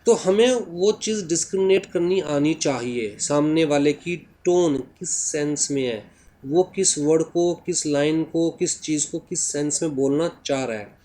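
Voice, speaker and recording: A man with an Indian accent, a native Hindi speaker, teaching a class in mixed Hindi and English. He keeps asking "right?" and reads English lines slowly. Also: on the high side, dark tone.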